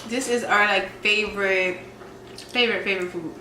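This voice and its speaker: A woman's voice: mid-range voice, fairly even intonation, normal speed, pushed and bright, recorded from a distance. Chatty young woman at a mukbang meal. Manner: chatty, eating while talking, many "like" fillers. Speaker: vlog co-host. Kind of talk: casual mukbang chat. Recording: echoey room with clear background noise.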